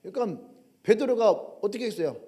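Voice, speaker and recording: A male pastor preaching a sermon, telling stories with animated humor. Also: sits high, a little fast.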